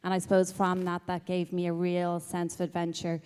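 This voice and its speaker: A woman's voice: fairly low pitch, completely flat delivery, a little fast, darkish tone, clear, resonant tone. A woman introducing herself on a conference panel, friendly and slightly hesitant. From Ireland. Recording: long hall reverb.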